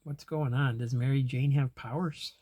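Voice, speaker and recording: A man's voice: medium pitch, steady tone, normal speed, warm tone, dry recording. A man in casual chat as a comic collector vlogger, rambling, trailing off and chuckling to himself as he goes.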